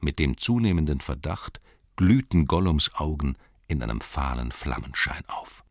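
A male narrator reading a fantasy story aloud in an expressive, dramatic style. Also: rumbling low, normal speed, no room sound, clean studio sound. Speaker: audiobook narrator. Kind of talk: audiobook reading.

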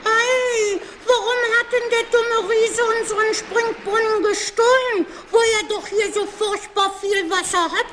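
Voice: very high-pitched, steady tone, a little slow, few pauses, noisy background. A performer voicing a cheeky, childlike little goblin in a children's audio play. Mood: keck. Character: kleiner frecher Kobold, kindlich. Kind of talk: Hörspiel für Kinder.

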